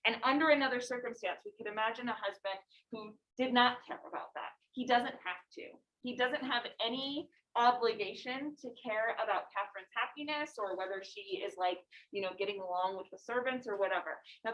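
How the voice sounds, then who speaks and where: A woman teaching a high school English class in an informal, conversational way, checking in with questions. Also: a bit bright, dull audio. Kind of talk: classroom lesson to students. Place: classroom, voice picked up from a distance. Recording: distant classroom recording.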